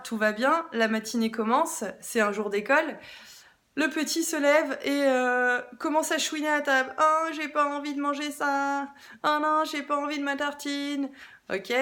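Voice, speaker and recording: Mom vlogger, woman in her thirties, slightly high voice, chatty and hesitant, speaks straight to the viewer. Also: bright, forceful tone. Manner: chatty and hesitant, many fillers, addresses viewer directly. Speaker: parenting vlogger, mother. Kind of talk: casual storytelling vlog.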